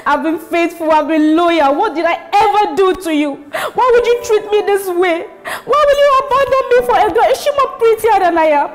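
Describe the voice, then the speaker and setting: A woman's voice: very high-pitched, lively intonation, normal speed, hardly any pauses. A woman playing a jilted, heartbroken girlfriend. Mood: tearful. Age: 20s. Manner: pleading questions, rising into tearful cries. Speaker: actor performing an audition monologue. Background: faint music.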